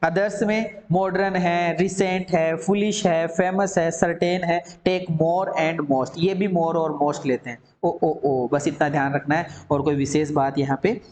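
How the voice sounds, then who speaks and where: A man's voice: on the high side, steady tone, measured pace, few pauses, darkish tone, echoey room, slight background noise. A man teaching an English grammar lesson, drilling word forms in lists and asking and answering his own questions.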